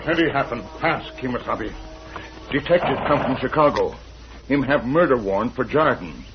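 A man's voice: medium pitch, expressive, moderate pace, music in the background, close to an everyday voice. A man acting a loyal, stoic western sidekick who speaks clipped broken English, in an old radio drama with a muffled, hissy recording. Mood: earnest. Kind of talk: 1930s-40s American radio western acting.

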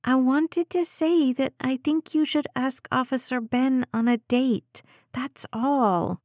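A woman's voice: high-pitched, slow pace, darkish tone, no echo, clean studio sound, voice pushed up. A woman putting on a small, cheeky sick girl. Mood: whiny, teasing.

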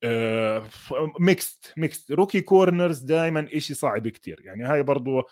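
A man's voice: medium pitch, animated, quick pace, a little mellow. A man with a Levantine Arabic accent giving casual, unscripted sports analysis, mixing English terms into his Arabic. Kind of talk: casual unscripted football commentary.

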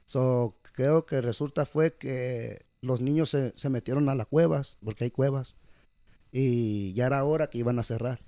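A man's voice: mid-range voice, unhurried, no echo. A young man, telling a story in a casual chat and mixing English words into his slang. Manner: animated, mixes English words into Spanish slang.

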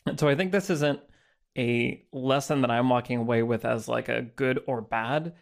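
A man's voice: medium pitch, moderate pace, vocal fry. A man with a mid-range voice guides a casual podcast conversation about films. He talks in a thoughtful, reflective way and turns to his co-hosts by name as he pulls their points together. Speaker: podcast co-host. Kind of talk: casual film discussion.

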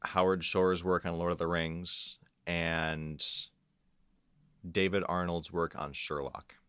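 Speaking slowly with a deep, level, slightly bright and smooth voice, the man is a composer and audio engineer guesting on a casual behind-the-scenes interview. He keeps pausing and restarting as he works through his thoughts, with no echo.

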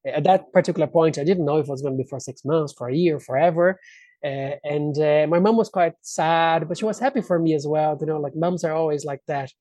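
This Brazilian man, a native Portuguese speaker with a Brazilian accent, talks fairly quickly in a warm, fairly high voice. He's an interview guest sharing personal stories casually and acting out what people said, captured in a dry recording.

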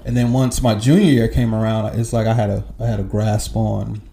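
A man's voice: fairly low pitch, fairly even intonation, fairly quick, vocal fry, warm tone. A man in his forties talking candidly in a casual podcast chat, swearing freely and laughing easily. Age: 40s. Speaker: podcast guest.

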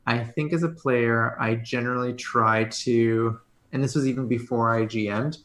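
A man's voice: mid-range voice, fairly even intonation, moderate pace, a bit bright, roomy sound. A man talking as a podcast guest about running tabletop games, rambling and hedging with many restarts. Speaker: podcast guest, game master. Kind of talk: casual conversation.

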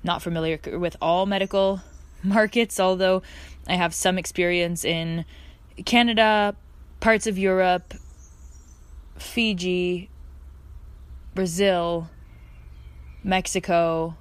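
A woman's voice: fairly low pitch, steady tone, slow pace, long pauses, clean tone, no room sound. A woman hosting a casual, reflective podcast from her backyard, speaking in an earnest, effusive way. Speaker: podcast host. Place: outdoors in a backyard.

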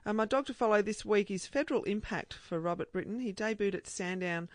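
A woman's voice: mid-range voice, brisk, no room sound. An Australian woman co-hosting a racing radio show, interviewing and giving tips. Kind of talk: sports radio interview and tipping.

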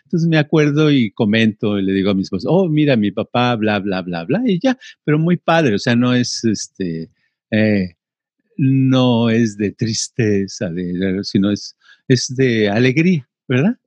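Husky older man, rambling. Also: medium pitch, lively intonation, measured pace, darkish tone, no echo, dull audio. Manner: rambling, with filler sounds like "ta, ta, ta". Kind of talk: casual conversation.

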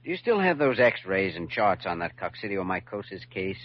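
An actor playing a thoughtful, persuasive young hospital doctor in a classic radio drama, speaking in an earnest, measured manner. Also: male voice, sits low, sing-song. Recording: muffled, noisy old radio recording.

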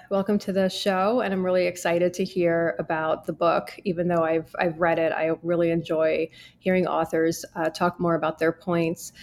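A woman hosting a podcast, introducing an author in a friendly, slightly hesitant way. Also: fairly low pitch. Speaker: podcast host. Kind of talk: podcast interview.

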